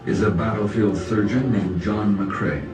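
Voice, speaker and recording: A man reading scripted documentary narration at a measured, even pace. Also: lowish voice. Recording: distant roomy playback over loud music. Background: loud music.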